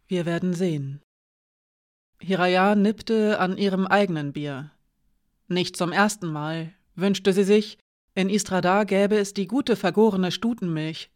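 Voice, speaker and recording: An audiobook narrator reads a fantasy novel in a measured, steady way. The voice is mid-pitched and even. The recording is close and dry. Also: dry recording.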